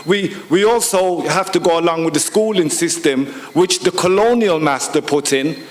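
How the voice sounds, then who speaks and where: A man with a high voice stands up at a public hearing and argues with conviction, piling rhetorical questions on top of one another. His voice carries a long reverb from the large hall. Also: normal speed, a little hiss or hum. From United Kingdom. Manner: forceful, rhetorical, repeats points with questions. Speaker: audience member at a public hearing. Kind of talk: impassioned public comment.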